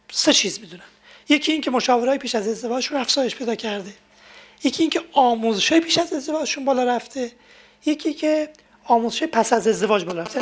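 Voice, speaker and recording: A woman with a high, light voice gives a talk on family life. She explains in a steady, teaching way and walks through everyday examples from the home. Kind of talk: lecture on marriage and emotions.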